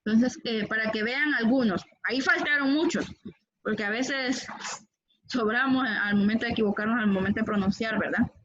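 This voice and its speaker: Teaching Spanish grammar online, a woman patiently repeats words for her class and keeps asking "¿verdad?" to check in. She speaks at a moderate pace in a fairly high, slightly bright voice, on a dull lo-fi recording with a little hiss or hum.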